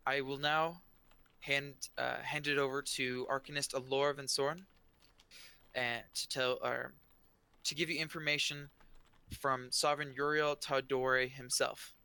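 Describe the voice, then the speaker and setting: A man's voice: mid-range voice, level tone, unhurried, pushed and bright, clear, resonant tone. A man voicing a stern male general giving a formal speech to a festival crowd in a tabletop game.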